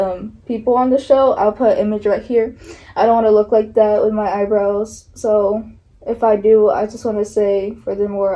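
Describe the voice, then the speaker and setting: A woman's voice: mid-range voice, dark tone, rough recording. A young woman talking casually and nervously through a makeup tutorial, filling her talk with likes and ums. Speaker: beauty vlogger.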